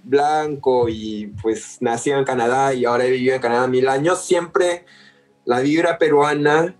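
An easygoing man with a Peruvian Spanish accent answers interview questions in a relaxed, reflective way, at a middle pitch. Faint music runs behind him. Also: moderate pace. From Peru. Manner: easygoing, reflective, laughs lightly. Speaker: guest artist.

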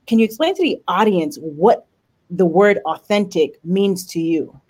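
A woman's voice: fairly low pitch, a little slow, darkish tone, slightly rough. A woman hosting an interview, reading a formal introduction and asking questions in polished phrasing. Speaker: interview host.

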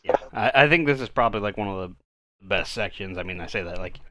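Low-voiced guy cohosting, chill and laughy, bright tone. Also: expressive, fast talker. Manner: laid-back, laughs often. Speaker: podcast co-host. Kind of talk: casual chat.

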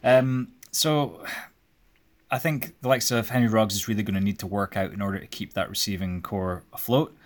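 A man's voice: on the low side, fairly even intonation, normal speed. A young man, hosting a casual sports chat with his father and rambling in a chatty way, full of fillers. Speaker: podcast host.

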